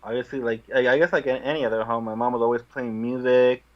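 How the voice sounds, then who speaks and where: A man's voice: medium pitch, steady tone, quick pace. Easygoing man on dull video-call audio. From Guatemala. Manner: easygoing, laughs often, self-deprecating. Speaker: musician guest. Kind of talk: casual interview.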